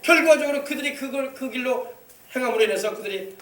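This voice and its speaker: A man's voice: very high voice, quick pace, fairly bright tone. A male pastor preaching an emphatic sermon, exhorting the congregation with rhetorical questions. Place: church sanctuary. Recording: echoey church hall, mic at a distance.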